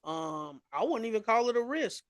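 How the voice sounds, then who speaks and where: Man for a casual sports podcast: high, dry, loose slangy delivery with plenty of trash talk. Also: sing-song, normal speed, no room sound. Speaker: podcast co-host.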